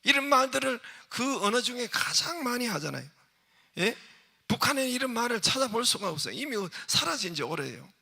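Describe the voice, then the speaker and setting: A man's voice: very high-pitched, big pitch swings, brisk, gravelly, pushed and bright, slightly rough. A man preaching a Sunday sermon as pastor, emphatic and constantly putting rhetorical questions to the congregation. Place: church sanctuary.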